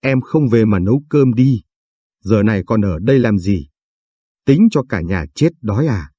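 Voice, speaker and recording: A man's voice: fairly low pitch, animated, moderate pace, warm tone, husky, no room sound. A man voicing a weak young husband who argues meekly with his mother in a storybook tale. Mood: irritated. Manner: irritated but meek.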